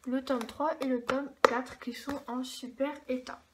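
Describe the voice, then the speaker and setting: A woman's voice: high voice, flat delivery, unhurried. A young woman in casual chat on her vlog, talking in a chatty, hesitant way with many fillers. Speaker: book vlogger. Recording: faint background noise.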